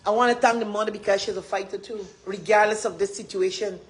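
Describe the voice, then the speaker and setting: Speaking fast in a mid-range voice with fairly even intonation, a woman with a Guyanese accent delivers a passionate, wandering live address as a community advocate. She keeps circling back to her points and stressing them.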